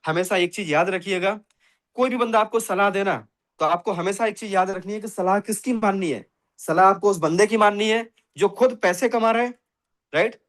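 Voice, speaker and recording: A man with a high voice gives a motivational presentation. He keeps calling his listeners friends and tags his points with rhetorical questions. He slips a fable into the talk. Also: normal speed, a bit bright. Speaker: business presenter.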